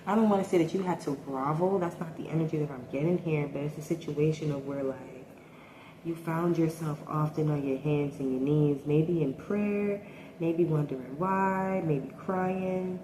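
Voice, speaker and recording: A woman's voice: deep voice, moderate pace. A woman giving a casual tarot reading, thinking aloud and hesitating often. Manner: hesitant, thinking aloud with many ums and likes. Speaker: tarot reader. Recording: echoey room with faint noise.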